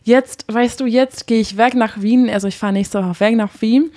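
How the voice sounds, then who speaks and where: Warm-spoken woman, dry. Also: a little high, fairly even intonation, moderate pace, dry recording. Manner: open, emotional, chatty with frequent fillers. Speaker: podcast guest, couples therapist. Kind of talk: casual heartfelt conversation.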